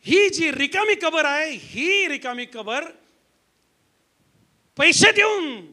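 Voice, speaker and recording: Male pastor, very high and piercing voice, emphatic call-and-response sermon to a congregation. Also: lively intonation, takes it slowly, bright, forceful tone. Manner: emphatic, rhetorical questions to the congregation. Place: church before a congregation.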